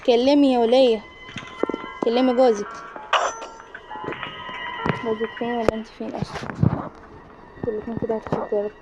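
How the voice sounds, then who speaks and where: A young woman with an Egyptian accent giving lively horror game commentary, talking to the game and her viewers. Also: fairly high pitch, moderate pace, pauses often, low-quality recording. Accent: Egyptian Arabic. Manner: excitable, talks to the game and to viewers. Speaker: gaming YouTuber. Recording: music playing behind the voice.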